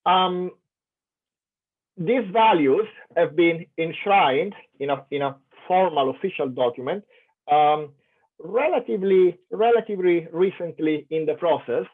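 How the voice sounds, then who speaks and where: This keynote speaker from Italy speaks slightly slowly, with a fairly high voice and lively intonation, and has an Italian accent. His academic lecture is thoughtful but full of fillers and restarts. It comes through an online conference call with tinny, phone-like sound.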